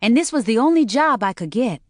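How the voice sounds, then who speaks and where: Lady narrator doing a chatty young receptionist, slight chinese accent w/ a southern drawl, bouncy high voice. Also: animated, a little fast, dry recording, clean studio sound, close to an everyday voice.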